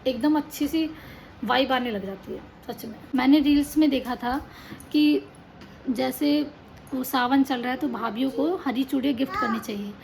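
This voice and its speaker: A young woman records a casual vlog at home, sounding worn out as she chats and grumbles. Her voice sits high with a gravelly edge, and the noisy home recording carries children's play and crying behind her. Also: moderate pace, a little mellow. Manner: chatty, tired and complaining. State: tired. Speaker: vlogger. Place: indoors at home. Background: child crying and playing.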